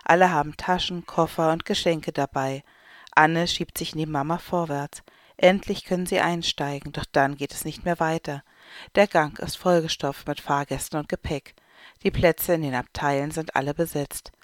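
A narrator reading a children's story aloud in a calm, clear way. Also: mid-range voice, moderate pace, no echo, clean studio sound. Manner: calm, clear read-aloud delivery with light voices for characters.

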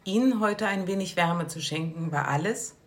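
A woman voicing a gentle, kindly young mother who speaks softly and calmly. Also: fairly low pitch, normal speed, close to an everyday voice.

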